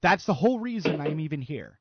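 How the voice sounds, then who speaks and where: A man's voice: a little high, big pitch swings, a little fast, noisy background. A man from Missouri in a voice chat argument, defending himself and cutting in again and again. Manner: insistent, repeatedly cutting in with a name. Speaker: voice chat participant. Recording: dull lo-fi voice chat audio.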